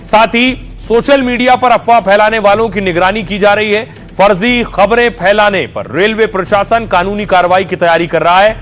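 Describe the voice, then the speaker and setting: A man narrating a television news report as anchor, with a brisk, punchy broadcast delivery. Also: high voice, a bit bright.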